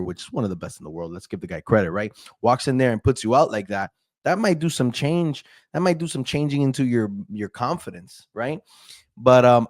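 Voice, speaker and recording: A young man hosting a casual talk show about his fight predictions, chatty and animated, often calling his viewers guys and stumbling over names. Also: medium pitch, no room sound, studio quality. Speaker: MMA fight predictions host.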